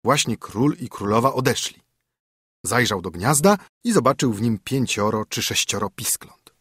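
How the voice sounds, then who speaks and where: Husky, expressive male storyteller. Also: medium pitch, moderate pace, dry recording, studio quality. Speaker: audiobook narrator. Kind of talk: scripted fairy-tale narration.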